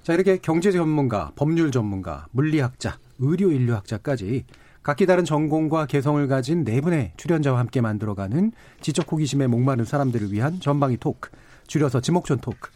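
A man's voice: mid-range voice, animated, fairly quick, dark tone, no echo. A man hosting a public radio talk show, reading scripted introductions in a formal, articulate presenter's manner.

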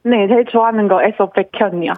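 A woman's voice: medium pitch, fast talker, a little hiss or hum. Young Taiwanese woman on a phone line. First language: Mandarin Chinese. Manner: polite, eager, short answers. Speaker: caller, student. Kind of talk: phone-in chat.

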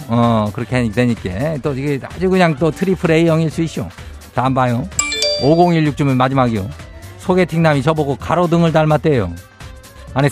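A radio host with a Chungcheong Korean accent and a fairly high-pitched voice reads out listener messages. In a casual chat, he offers folksy, teasing, homespun advice.

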